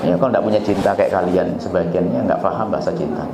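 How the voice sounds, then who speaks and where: A man's voice: sits low, fast, very noisy. A man preaching to a live audience, acting out family dialogues and throwing out jokes and questions to the crowd. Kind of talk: religious talk to a live audience. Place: gathering hall with a live audience. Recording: echoey hall, slightly dull sound, faint crowd.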